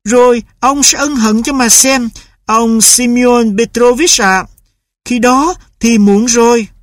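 A woman reading aloud, voicing a stern middle-aged mother who scolds loudly. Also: a little high, slow pace, no room sound, studio quality, pitched above the performer's own voice. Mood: scolding.

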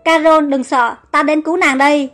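A woman's voice: high-pitched, steady tone, moderate pace, fairly bright tone, soft background music. A woman voicing a devoted young male pharaoh in an audio story, speaking in an urgent, commanding way.

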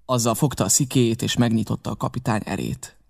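A man reading a novel aloud in steady, measured narration. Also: mid-range voice, creaky, husky. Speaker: audiobook reader.

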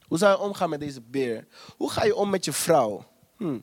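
A man preaching a sermon in a fairly high voice. He drives his points home by repeating key phrases, and he acts out the voices of scripture figures as he retells their stories. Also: lively intonation, normal speed.

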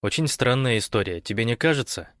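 A man's voice: medium pitch, lively intonation, a little fast, fairly bright tone, no room sound, clean studio sound, natural voice. A man voicing a teasing, joking team captain who barks orders at times. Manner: teasing, barking.

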